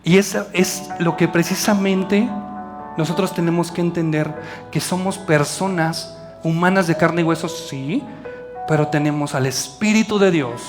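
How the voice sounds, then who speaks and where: A middle-aged man preaching a sermon to a church youth service in a Mexican Spanish accent, talking in a conversational, animated way with asides to the young people. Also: a little high, a little slow, over music.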